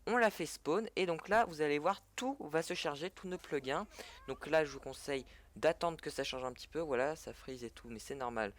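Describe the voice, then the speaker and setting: A man's voice: on the high side, moderate pace. Casual French-speaking man narrating gameplay. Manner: chatty, self-correcting, fillers. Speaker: gaming tutorial creator. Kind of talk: casual gameplay tutorial commentary.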